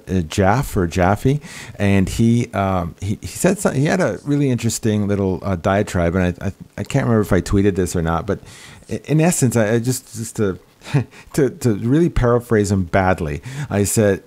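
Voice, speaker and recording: A man hosting a casual roundtable chat, talking in a rambling, halting way with many restarts. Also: on the low side, warm tone. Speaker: podcast host.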